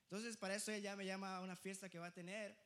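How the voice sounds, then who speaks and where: A young man preaching, telling a personal story in a lively, joking way, often laughing and slipping into English phrases. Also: high voice, fast talker. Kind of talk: storytelling sermon.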